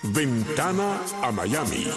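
A man announcing a radio program introduction in a slow, deliberate voice. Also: mid-range voice, very animated. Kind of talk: radio promo over music. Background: loud music.

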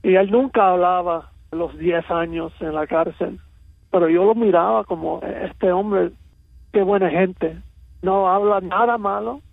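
A man from Miami with an American accent in his Cuban-rooted Spanish, telling personal stories as an interview guest, halting and slipping in English words. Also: high-pitched, vocal fry, dry recording, narrow, tinny audio. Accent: American-accented Spanish with Cuban roots. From Miami, United States.

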